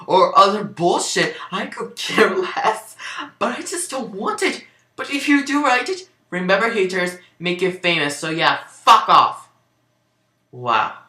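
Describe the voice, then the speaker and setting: Reading fan fiction dramatically as an amateur, a man with a high, sharp voice tosses in sarcastic asides and swearing and keeps cracking up laughing. The home recording sounds roomy and echoey.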